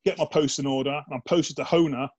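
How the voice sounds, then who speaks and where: A man's voice: a little high, steady tone, fast talker, darkish tone, highs cut off. Ex-soldier guy, casual chat, lots of "like", swears, does voices for everyone in his stories. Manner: chatty and blokey, peppered with "like" and swearing, acts out quoted dialogue. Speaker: guest, former soldier. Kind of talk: casual anecdote telling in a podcast interview.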